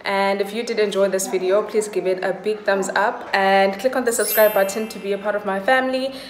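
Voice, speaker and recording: A woman's voice: medium pitch, fairly quick, echoey room, poor audio. A woman in her thirties with a South African accent, chatting casually to camera in her home kitchen as a mother vlogger. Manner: relaxed, chatty, talks to her toddler in between. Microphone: phone camera at arm's length.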